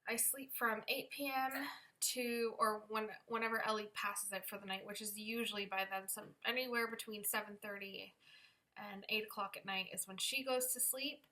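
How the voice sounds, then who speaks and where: A woman's voice: mid-range voice, fairly even intonation, normal speed, bright, forceful tone. A young woman giving a candid, chatty pregnancy update to camera, tired and a little self-conscious. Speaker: vlogger. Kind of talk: casual pregnancy update vlog.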